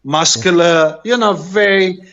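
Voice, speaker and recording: Slow, halting Israeli man, muffled audio. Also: high-pitched, a bit bright. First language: Hebrew. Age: middle-aged. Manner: halting, rambling, searching for words. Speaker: author, interview guest. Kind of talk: casual conversational interview. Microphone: video call. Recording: dull, lo-fi video call audio.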